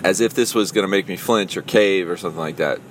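A man's voice: low voice, quick pace, a little hiss or hum. A man in his forties, a podcast host and youth pastor, telling a story in a casual, self-amused solo monologue. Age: 40s.

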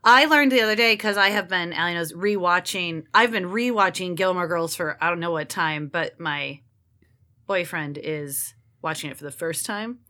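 A woman co-hosting a podcast in casual, informal chat with a bright voice. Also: fairly low pitch, moderate pace. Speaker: podcast co-host.

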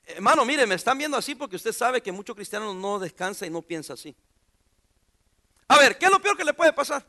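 High-voiced pastor, gravelly and bright, joking around and quizzing his church mid-sermon. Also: sing-song, a little fast. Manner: joking, conversational, asks the congregation questions. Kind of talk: informal sermon.

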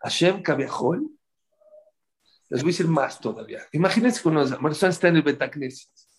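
A man giving a storytelling sermon, animated and addressing his audience directly. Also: on the high side, brisk, background noise. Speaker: religious speaker.

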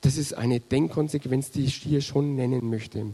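A man delivering a sermon, earnest and pastoral, addressing his listeners directly. His voice is dark and husky, with a mellow warmth. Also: mid-range voice, steady tone, moderate pace. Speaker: preacher.

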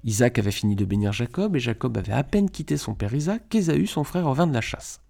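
Guy reading bible aloud, mellow husky voice, slow and steady. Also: mid-range voice. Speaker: Bible reader.

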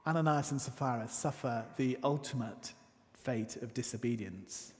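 A man giving a sermon in a church, telling a personal story with dramatic pauses and hushed asides. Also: medium pitch. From north of England. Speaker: preacher. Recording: church hall with long reverb.

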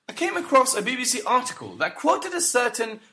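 Lively, bright-voiced sarcastic male host. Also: very high-pitched, a little fast. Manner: sarcastic, builds to ranting anger. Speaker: satirical news host. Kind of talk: scripted comic news monologue.

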